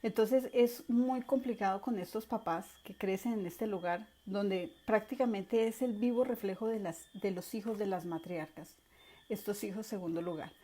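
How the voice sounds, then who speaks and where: A woman's voice: mid-range voice, normal speed, warm tone. A woman teaching an online course, explaining and acting out quoted parents and children. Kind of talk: virtual class lecture.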